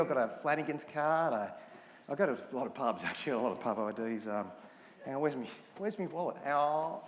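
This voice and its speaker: A man's voice: high voice, fairly bright tone. An Australian man hosting a live show in a theatre, talking in a playful, rambling, self-mocking way. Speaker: host. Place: large theatre with a live audience. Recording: long hall reverb with audience noise.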